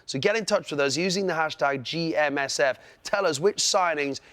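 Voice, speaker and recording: A man's voice: a little high, moderate pace, fairly bright tone. A man presenting sports news on a breakfast show, jokey and rambling in the banter between items. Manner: jokey, rambling, trails off mid-sentence.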